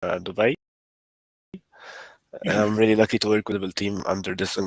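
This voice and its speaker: Low, flat man from Egypt on a call. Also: normal speed, creaky, no echo, rough recording. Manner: brief, informal. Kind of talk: self-introduction on a video call.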